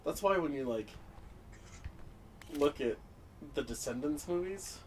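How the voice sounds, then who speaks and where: Co-hosting a horror gaming show, a man with the hiccups chats playfully while playing a horror game. His voice is a little high and darkish in tone, with lively intonation and an unhurried pace, and there's a little hiss or hum in the recording.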